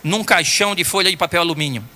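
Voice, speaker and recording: An older man with a Brazilian Portuguese accent preaching a sermon, telling stories in an animated way with bursts of shouting. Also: high voice, quick pace, a little hiss or hum. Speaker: pastor. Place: church hall. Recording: long hall reverb.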